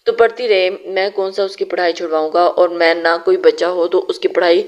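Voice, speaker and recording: A woman's voice: lowish voice, fairly even intonation, a little fast, close to an everyday voice. A woman voicing an earnest young man who pleads with his father. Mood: earnest pleading. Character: young adult man, eager and lovestruck.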